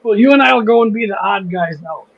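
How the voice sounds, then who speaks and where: A Midwestern man with a high, husky voice chats loosely on a livestream, circling back and restarting his sentences. The audio is dull and lo-fi. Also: animated, fast talker. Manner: rambling, restarts sentences, laughs easily. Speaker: host of a model railroad channel. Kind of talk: casual livestream chat.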